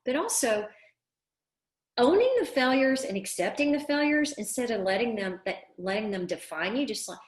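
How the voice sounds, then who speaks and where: A woman's voice: a little high, animated, normal speed. A middle-aged woman coaching parents in a live online class, earnest and emphatic, repeating words for stress. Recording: echoey room.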